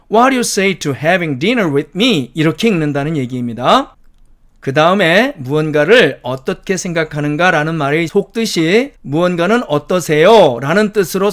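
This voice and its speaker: A middle-aged man teaching English grammar in a recorded lecture. He explains step by step, checks that viewers are following, and reads example sentences slowly. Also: fairly high pitch.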